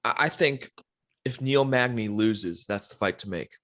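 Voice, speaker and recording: A man co-hosting a fight podcast in casual chat, reacting with excited emphasis. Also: lowish voice, normal speed. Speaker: podcast co-host.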